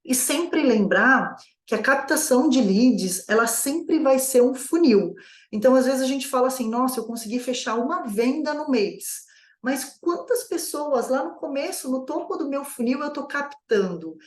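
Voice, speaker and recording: A woman's voice: sits high, expressive, moderate pace. Woman coaching, roomy sound. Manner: asks herself rhetorical questions, conversational. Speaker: business coach. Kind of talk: online course lesson.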